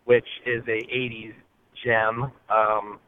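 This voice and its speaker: A man's voice: fairly low pitch, flat delivery, clear, resonant tone, no echo. Man calling in over a car speakerphone. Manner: hesitant, many filler pauses. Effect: car speakerphone call over Bluetooth. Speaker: caller. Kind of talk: casual call-in message. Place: inside a car. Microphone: Bluetooth car speakerphone. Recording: tinny phone line from a car.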